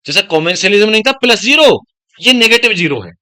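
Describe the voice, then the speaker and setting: This Uttar Pradesh biology teacher speaks in a high, very animated, sharp voice at a quick pace, with studio quality and no room sound. During his classroom lecture he calls students "beta," drifts into life advice, and talks about his own heavy, stern-sounding voice.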